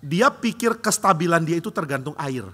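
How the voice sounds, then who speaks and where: A male pastor preaching a sermon in a large church, telling the story vividly and voicing the people in it with sudden loud bursts. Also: on the high side, normal speed. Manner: lively storytelling, acts out quoted voices with sudden loud jumps. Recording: church hall with long reverb.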